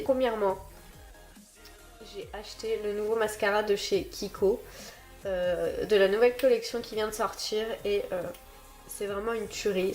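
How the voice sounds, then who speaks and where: Her nose stuffed up from illness, this beauty and haul vlogger sounds very nasal as she recommends beauty products and chats casually with viewers. She is apologetic and self-deprecating, with a medium-pitched, slightly mellow voice.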